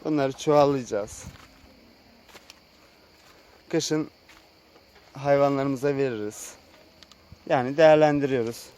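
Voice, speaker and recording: A man vlogging casually outdoors at a rural sheep pen, speaking slowly and unhurriedly about his new animals. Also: a little mellow, smooth. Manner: slow, unhurried, with sing-song high calls to the animals. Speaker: vlogger moving to the countryside. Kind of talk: casual vlog talk while tending sheep.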